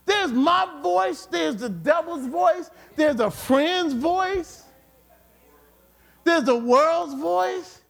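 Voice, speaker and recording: A man preaching a sermon with emphatic repetition, at times rising to shouts. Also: extremely high pitch, expressive, drawn-out words, creaky. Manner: emphatic, repeats words, rises to shouts.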